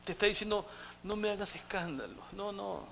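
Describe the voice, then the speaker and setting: A male pastor preaching a sermon dramatically, acting out quotes and swinging from loud outbursts to hushed asides, in a church. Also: sits high, fairly quick, gravelly, a little hiss or hum.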